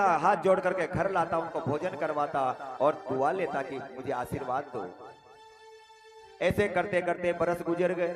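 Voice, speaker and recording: A male preacher narrates a devotional story with lively, direct address to the crowd. His voice is high for a man, and music plays clearly behind him. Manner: animated, addresses the audience directly. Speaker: Ram Katha preacher. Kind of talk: musical religious storytelling sermon.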